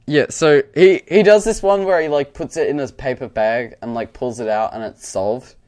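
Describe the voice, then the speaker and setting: A man's voice: mid-range voice, normal speed, darkish tone, dry recording, studio quality. Rambling young man on a podcast. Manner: rambling, self-mocking, meme-joking. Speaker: podcast co-host. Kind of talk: casual chat.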